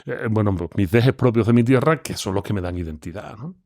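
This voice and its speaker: A man from Seville with an Andalusian accent, a philosopher talking as a guest in an interview, expressive and lively in his pitch. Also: a little fast, no echo, studio quality. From Seville, Spain. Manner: expressive, talks with animated pitch swings. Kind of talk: conversational interview.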